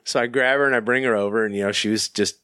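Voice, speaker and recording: Low-voiced man rambling through an anecdote. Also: steady tone, sharp tone, clean tone, dry recording, studio quality. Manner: halting, rambling, repeats words. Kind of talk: casual anecdote on a podcast.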